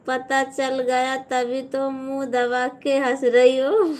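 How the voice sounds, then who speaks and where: A woman's voice: high-pitched, little pitch movement, takes it slowly, darkish tone. A young Awadhi woman on a casual live stream, chatty and teasing as she reads viewer comments aloud and replies.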